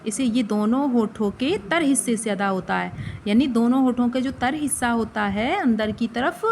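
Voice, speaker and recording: A woman with a high voice and a Pakistani Urdu accent teaches a patient, step-by-step recitation lesson. She sounds out each letter slowly and asks questions back to the listener, with a faint hiss under her voice. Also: a little mellow. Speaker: Quran reading teacher.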